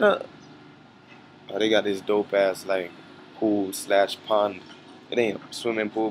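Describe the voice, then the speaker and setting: A man talks easily into a handheld camera on an outdoor balcony, his speech loose and full of slang. His voice sits low and barely rises or falls. Traffic and air-conditioning hum run clearly beneath him. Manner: laid-back slangy talk, frequent "you feel me". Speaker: musician vlogging from a trip. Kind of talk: casual vlog update.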